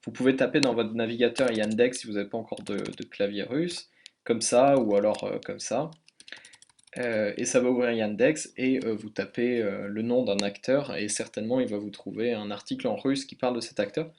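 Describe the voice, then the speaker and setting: A man's voice: fairly low pitch, steady tone, normal speed, a little mellow, slight background noise. Hesitant French man explaining a tutorial. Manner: hesitant, many fillers and self-corrections. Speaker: language tutor. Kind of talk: casual screen-recorded tutorial.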